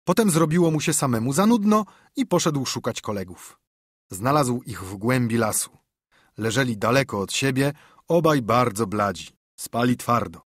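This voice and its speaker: A male audiobook narrator with a slightly husky voice and an animated, rising-and-falling delivery. He reads in a measured storytelling manner, recorded dry and close. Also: mid-range voice, no echo. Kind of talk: scripted narration.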